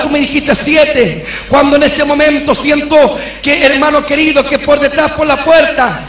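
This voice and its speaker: A man preaching a testimony, shouting in a fervent cadence and repeating "dear brother" between phrases. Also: extremely high pitch, echoey room, poor audio. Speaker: pastor and bishop.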